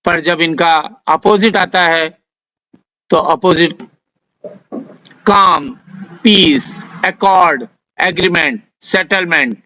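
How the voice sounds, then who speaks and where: A man with an Indian accent, teaching a vocabulary lesson, dictating word lists slowly and carefully. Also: on the high side, bright, forceful tone, low-quality recording. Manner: dictates word lists slowly, spells out English example sentences. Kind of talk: slow, deliberate vocabulary lesson.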